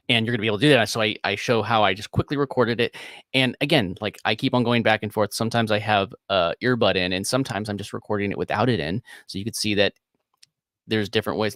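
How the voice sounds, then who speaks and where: A man's voice: fairly low pitch, expressive, quick pace, a bit bright, no echo, studio quality. A man hosting a live screen-share editing tutorial, talking casually and rambling with frequent chuckles. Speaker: host.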